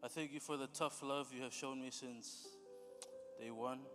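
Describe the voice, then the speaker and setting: A young man on the verge of tears offers a graduation tribute, stopping to clear his throat between words. His mid-pitched voice rings through a large church sanctuary with a long, lingering echo, and soft instruments play beneath. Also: steady tone. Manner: halting, stops to clear throat and apologize. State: tearful, choking up. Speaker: graduating student giving a tribute. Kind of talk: emotional spoken tribute at a ceremony. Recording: reverberant hall with faint music.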